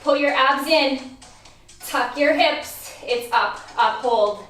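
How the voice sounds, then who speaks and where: A woman with a high voice and an unhurried pace cues a barre class, counting reps and urging listeners on. Her voice sounds a little worn. She is heard from off the mic in a roomy space, with faint music behind. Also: fairly bright tone, recorded from a distance. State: losing her voice. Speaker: barre instructor. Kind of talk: workout class cueing.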